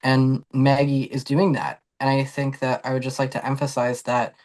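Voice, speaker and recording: Flat, earnest speaker with hesitant fillers. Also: medium pitch, normal speed. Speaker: former parishioner giving a tribute. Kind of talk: prepared tribute in a webinar. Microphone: video call.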